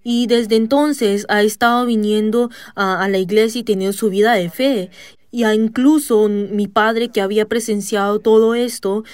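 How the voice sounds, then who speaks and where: A woman giving a church testimony in a measured storytelling manner, pausing on "ah" fillers and breaking into loud shouted commands. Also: mid-range voice, steady tone, smooth, no room sound. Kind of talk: spoken testimony sermon.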